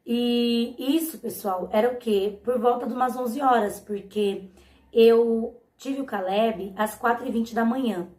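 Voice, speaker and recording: A woman's voice: a little high, a little slow, darkish tone. A young woman with a Brazilian Portuguese accent telling her own faith testimony, speaking earnestly and often turning to her viewers. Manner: earnest, often turns to the audience. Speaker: mother giving a faith testimony. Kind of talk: personal storytelling to viewers. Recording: echoey room.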